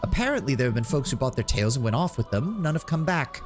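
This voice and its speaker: A man voicing an energetic female scout in a fantasy game, reporting in a folksy, plain-spoken way. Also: mid-range voice, fast, faint music behind, voice pushed up, natural voice. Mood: wary, matter-of-fact. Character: brisk, energetic female scout reporting trouble to her commander. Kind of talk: fantasy game dialogue read aloud.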